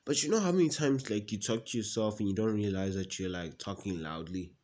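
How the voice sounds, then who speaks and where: A man's voice: on the low side, brisk, darkish tone, natural voice. A man playing a nagging, teasing young brother in a comedy sketch, mocking and pushing his voice up.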